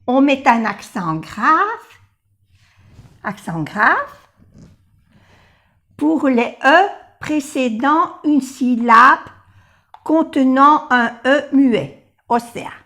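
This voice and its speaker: An older woman teaching a language lesson, patiently explaining and repeating each example word slowly. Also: high-pitched, animated, bright, forceful tone.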